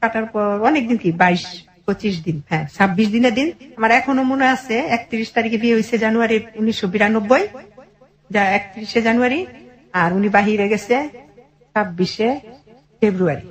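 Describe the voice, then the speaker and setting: A woman in her 40s with a colloquial Bangladeshi accent tells her life story informally, acting out what her relatives said along the way. Her voice is a little high and moves at a moderate pace, an animated retelling full of quoted family dialogue.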